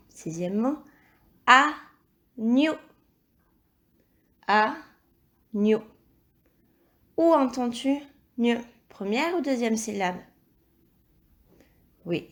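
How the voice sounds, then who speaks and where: A woman teaching a recorded phonics lesson to young children, speaking slowly and carefully, repeating each word and praising the answers. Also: medium pitch, darkish tone. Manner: slow, careful, encouraging, spells out sounds and syllables. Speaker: primary school teacher.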